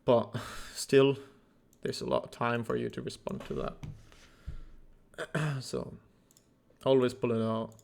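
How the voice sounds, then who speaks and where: A man's voice: mid-range voice, little pitch movement, takes it slowly, vocal fry, pauses often, darkish tone. A man coaching a player through a game replay in a blunt, teasing way, a little out of breath. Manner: blunt, teasing, thinks aloud with fillers. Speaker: esports coach. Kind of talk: casual game replay review.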